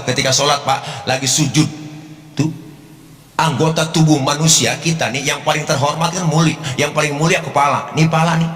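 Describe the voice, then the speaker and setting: A man preaches a comic sermon, joking in slang and drifting into sing-song. His voice sits a little high and bright. It rings with a long hall reverb, with faint music behind.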